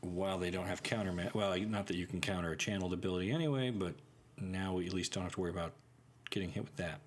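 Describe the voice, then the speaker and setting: Talking fast in a low-pitched voice, a gaming channel host thinks aloud and comments cheerfully on his card plays in a casual way.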